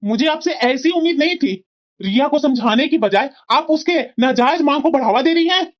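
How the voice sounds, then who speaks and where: A woman's voice: high-pitched, animated, normal speed. A woman voicing a stern young cartoon husband. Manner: lecturing, firm and reproachful. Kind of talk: cartoon family drama voicing. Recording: dull lo-fi sound.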